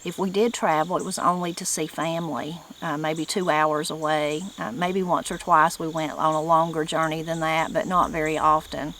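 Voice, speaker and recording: This middle-aged online channel host and presenter has a strong Appalachian accent from western North Carolina's mountains and a fairly low, slightly bright voice. She speaks at a normal speed in a level tone with hardly any pauses, chatting folksily to camera with regional expressions as insects chirp noticeably in the background.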